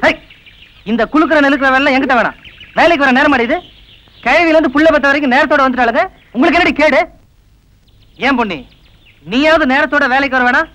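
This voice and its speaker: A stern young village overseer. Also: male voice, extremely high pitch, fast talker, pauses often, bright, forceful tone, low-quality recording. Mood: scolding. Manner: scolding, then tender. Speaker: field overseer. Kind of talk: TV drama acting.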